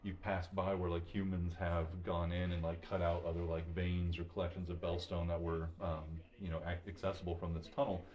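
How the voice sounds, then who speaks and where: A man narrating as game master, relaxed and rambling, with lots of fillers. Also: low-pitched, dull audio.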